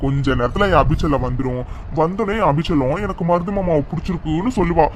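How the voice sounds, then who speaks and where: A man voicing a boastful young village thug in a cartoon serial, with a slow, mocking drawl. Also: on the high side, background noise, natural voice. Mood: gloating.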